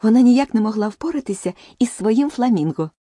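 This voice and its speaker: A woman narrating a children's storybook in a lively, expressive reading. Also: fairly high pitch, a little fast, no room sound, studio quality. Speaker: audiobook narrator.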